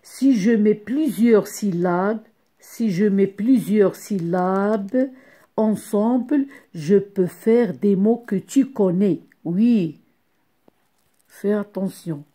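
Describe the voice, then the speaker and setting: A woman teaching a young class, speaking slowly and deliberately, repeating each sound and syllable and praising the pupils warmly. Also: medium pitch. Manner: encouraging, addresses pupils as "my dear ones". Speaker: primary school teacher. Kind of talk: slow classroom phonics lesson.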